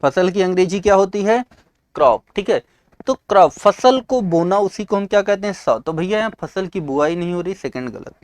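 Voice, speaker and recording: Teaching English for an exam, this high-pitched man with a North Indian accent sounds expressive and speaks at normal speed. He questions himself and supplies the answers, mixing English terms in. The sound is dry and close, and he often coughs and clears his throat.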